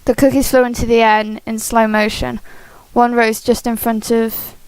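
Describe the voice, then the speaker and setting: A woman hosting a game playthrough, reading a visual novel aloud expressively with casual asides, animated and giggly. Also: a little high, moderate pace, clean tone, no echo, poor audio. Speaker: host of a game playthrough series.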